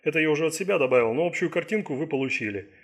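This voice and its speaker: A man's voice: a little high, expressive, rapid-fire. A man voicing a lanky male FBI agent who is fed up and sarcastic, in an audiobook thriller. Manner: exasperated, mocking.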